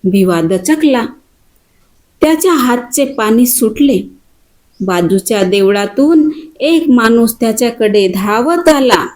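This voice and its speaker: A woman narrating a story in a deliberate, dramatic storytelling manner. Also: fairly high pitch, expressive, darkish tone.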